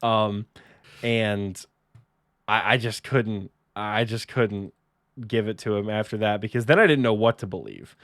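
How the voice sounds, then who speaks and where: A man's voice: fairly low pitch, unhurried, fairly bright tone, dry recording, clean studio sound. A man co-hosting a podcast, telling a casual story with lots of fillers, restarts and self-mocking asides. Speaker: podcast co-host.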